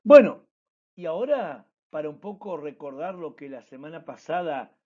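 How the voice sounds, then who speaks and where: A man teaching a recorded online church class, explaining slowly and repeating key words. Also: a little high, expressive, a little mellow. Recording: dull lo-fi recording.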